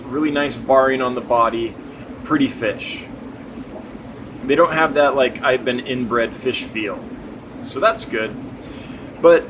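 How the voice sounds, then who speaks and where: A man giving a casual, enthusiastic, unscripted tour of the stock in an indoor fish warehouse as the seller. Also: mid-range voice. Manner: enthusiastic, chatty. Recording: clear background noise, humming ventilation.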